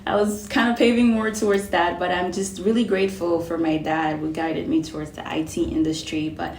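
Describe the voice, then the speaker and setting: Young woman from Cameroon, low voice, echoey room. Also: level tone, moderate pace, darkish tone, slight background noise. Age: 20s. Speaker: guest. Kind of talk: interview answers.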